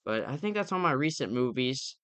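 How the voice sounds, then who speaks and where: Bright, crisp young male podcast co-host. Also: medium pitch, big pitch swings, a little fast, no echo. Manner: rambling, opinionated, frequent fillers. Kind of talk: casual movie review chat.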